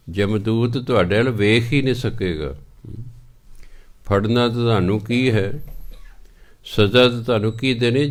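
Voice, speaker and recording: Male Punjabi preacher, fairly low voice, measured scripture exposition, slow recited verses, repeats key phrases.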